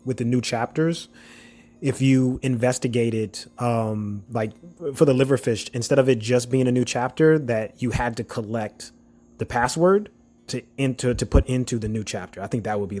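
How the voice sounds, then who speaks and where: A man's voice: mid-range voice, normal speed, warm tone, faint music behind. A man giving casual gameplay commentary in a chatty, hesitant way with frequent fillers. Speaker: gaming video host.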